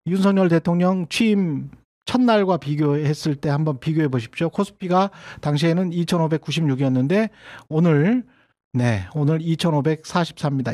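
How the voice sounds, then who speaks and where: Man talking markets, higher-pitched and chatty. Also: darkish tone. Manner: conversational with many fillers and self-corrections. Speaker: host of an economics commentary channel. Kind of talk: solo commentary to members.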